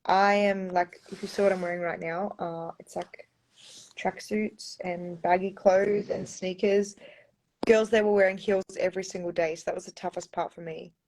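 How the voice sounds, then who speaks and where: A woman's voice: on the low side, fairly even intonation, moderate pace, darkish tone. A young Australian woman chatting casually on a phone livestream, reading out viewer comments and answering them with lots of ums and likes. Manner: chatty, reads viewer comments aloud, often says um and like. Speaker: pageant contestant answering fans. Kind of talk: casual live-stream Q&A.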